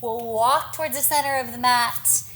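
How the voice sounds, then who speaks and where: In this guided yoga class, the young female instructor speaks at normal speed in a slightly high, steady, somewhat bright voice. She encourages students with breath-timed cues, a bit out of breath herself.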